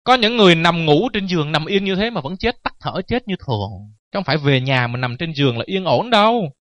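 Male Buddhist monk, sermon with humorous anecdotes; light-pitched, dry recording. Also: lively intonation, a little fast, a bit bright, dry recording, dull audio. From Vietnam. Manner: joking, anecdotal, laughs at his own stories. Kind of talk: dharma talk sermon.

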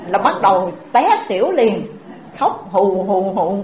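A woman's voice: mid-range voice, a little slow, slight background noise. A woman with a Southern Vietnamese accent giving a Buddhist sermon, telling stories and speaking straight to her listeners. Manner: animated, addresses the audience directly. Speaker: Buddhist preacher. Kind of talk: sermon with storytelling. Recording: dull echoey recording.

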